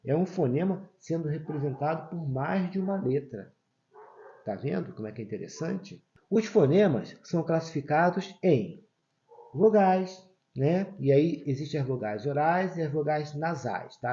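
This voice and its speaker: Male teacher, patient explainer, slightly high voice, dull lo-fi recording. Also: expressive, moderate pace, dark tone. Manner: explains patiently with frequent "tá?" check-ins. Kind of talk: online grammar lesson.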